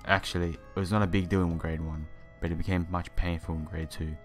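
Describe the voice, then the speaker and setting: During a game playthrough, a man reads the story text aloud, tossing in casual asides and tripping over some words. His voice is low and flat and moves fairly quickly, with game music playing behind it.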